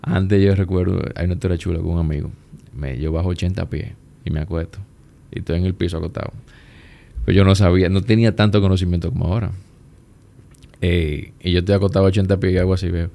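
Gravelly low-voiced Dominican man. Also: fast. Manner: relaxed, chatty storytelling. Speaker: guest, plastic surgeon. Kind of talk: casual conversation.

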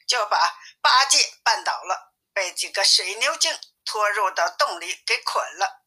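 Bright-voiced woman storyteller. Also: medium pitch, a little slow, rough recording. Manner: clear, expressive reading with voiced characters. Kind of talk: simplified audiobook storytelling.

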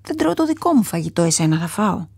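A weary caged circus lion from a storybook, as a woman puts him on, gentle and sorrowful. His voice is dark and a little husky, recorded dry and close. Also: lowish voice, very animated, dry recording, heavily acted. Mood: friendly. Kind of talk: storybook character voice.

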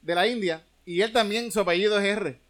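A man's voice: sits high, fairly quick, a bit bright. A young man with a Puerto Rican Spanish accent, hosting a casual live-stream chat and talking in a rowdy, rambling way with lots of swearing. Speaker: show host.

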